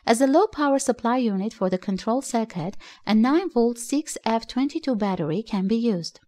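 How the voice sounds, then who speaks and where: A woman reading a scripted voice-over that explains an electronics build, in a steady explanatory way with slightly non-native phrasing. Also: fairly high pitch, moderate pace. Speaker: electronics channel narrator.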